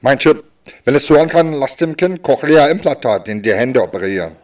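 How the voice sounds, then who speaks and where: A man speaking as a sign language voice interpreter, voicing stand-up comedy in a lively way that swings between loud and soft. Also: medium pitch, normal speed, recorded from a distance.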